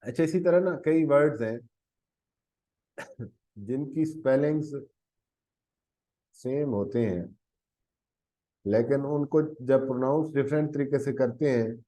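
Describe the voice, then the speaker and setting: The audio is poor, but his warm, mid-range voice comes through animated as he takes his time and pauses often. He teaches English grammar with a Pakistani Urdu accent, explaining tenses while coughing, correcting himself, and checking in with "theek hai ji."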